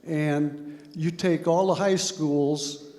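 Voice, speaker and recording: An older man, a retired football coach telling stories slowly and reflectively in an on-stage interview. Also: fairly high pitch, steady tone, warm tone. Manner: slow, reflective storytelling with a chuckle. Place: large banquet hall. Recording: reverberant banquet hall.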